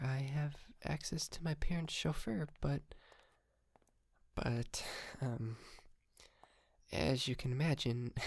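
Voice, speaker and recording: This ASMR roleplay has a man acting as a polite, sheepish, wealthy young yandere kidnapper. He talks softly and hesitantly, stammering and slipping into breathy whispers, in an exaggerated voice on the high side.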